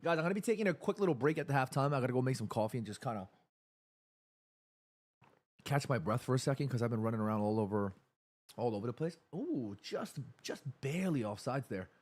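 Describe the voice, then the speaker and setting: Hosting a live football watchalong, this thirty-something man speaks fast at a medium pitch. He chats casually, reads out viewer messages between play calls, and gets worked up during attacking moves.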